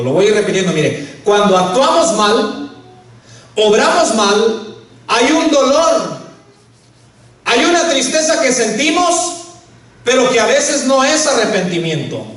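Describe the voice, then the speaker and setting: A man preaching a sermon as a pastor, who keeps addressing the congregation as brother. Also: sits high. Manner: preaching, keeps calling listeners "hermano". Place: church. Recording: echoey church hall, voice from far off.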